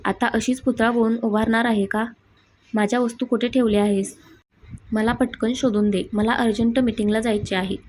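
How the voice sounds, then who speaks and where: A woman reading the lines of a proud, impatient young husband who gives orders irritably, in a husky voice. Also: a little high, steady tone, moderate pace, darkish tone, slight background noise, natural voice. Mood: irritable. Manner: demanding, irritable.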